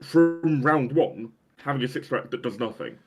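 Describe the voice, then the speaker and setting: A man's voice: mid-range voice, expressive, moderate pace, slightly rough, soft background music. A man co-hosting a casual tabletop game talk, trading dry, sarcastic remarks. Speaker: podcast co-host.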